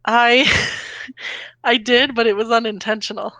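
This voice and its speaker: A woman's voice: a little high, steady tone, measured pace, pushed and bright, no echo, dull audio. A woman co-hosting a podcast, playful and laughing often in casual chat. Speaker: podcast co-host.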